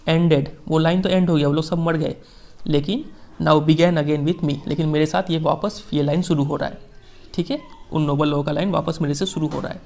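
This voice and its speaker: A young adult male teacher with an Indian accent, reading English lines slowly and explaining them in chatty Hindi with frequent check-ins. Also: on the high side, gravelly, a little mellow. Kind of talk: Hindi-English class lecture explaining a text.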